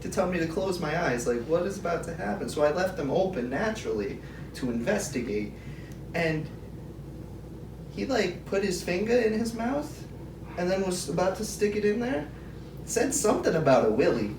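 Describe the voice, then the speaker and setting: Eccentric old grandmother, played by a woman, grandma voice, swooping pitch, rambling and indignant; noisy room recording. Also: sing-song, moderate pace. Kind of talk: improvised comedy role-play. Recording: roomy, noisy, distant mic.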